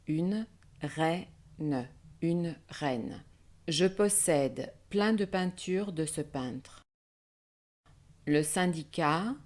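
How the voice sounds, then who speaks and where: A woman teaching French nasal vowels, saying words slowly and breaking them into syllables. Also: deep voice, a little mellow. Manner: slow, deliberate, syllable by syllable. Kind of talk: slow pronunciation drill.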